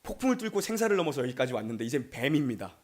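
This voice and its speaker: A man's voice: mid-range voice, sing-song, racing, darkish tone. A male pastor from Gyeonggi Province giving a Sunday sermon in a chatty storytelling way, acting out bits of dialogue. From Gyeonggi Province, Korea.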